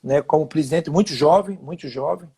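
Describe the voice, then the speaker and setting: A man's voice: fairly high pitch, a little fast, crowd noise. A Brazilian man in his fifties, a former footballer, telling anecdotes in a casual interview with quoted dialogue.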